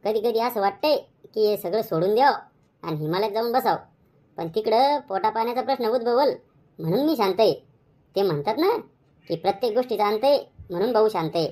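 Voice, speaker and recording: A man's voice: high voice, animated, brisk, a little mellow. Man voicing a grumbling, weary village husband. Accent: Khandeshi Marathi. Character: harried lazy village husband, middle-aged.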